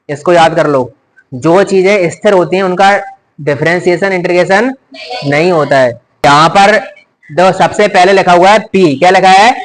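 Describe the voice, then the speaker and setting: A man's voice: sits high, a little hiss or hum, low-quality recording. A man teaching a physics lecture in speech, constantly asking the class rhetorical questions and repeating key terms.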